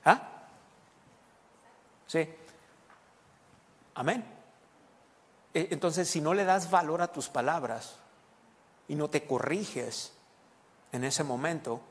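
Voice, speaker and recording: A man's voice: on the high side, slow, long pauses. A man preaching a sermon as pastor, explaining scripture and putting questions to the congregation. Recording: long reverb of a large hall.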